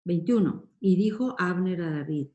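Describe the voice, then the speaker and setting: A woman's voice: lowish voice, normal speed, dark tone, reverberant, muffled recording. A woman leading a Bible study. She reads verses aloud, then explains them with emphatic questions. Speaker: Bible teacher.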